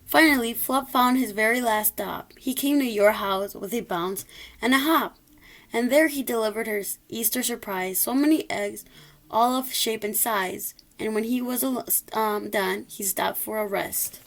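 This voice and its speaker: Woman, slightly high voice, children's storybook read-aloud, rhyming verse, expressive delivery, occasional stumbles. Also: measured pace, gravelly. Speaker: storybook reader.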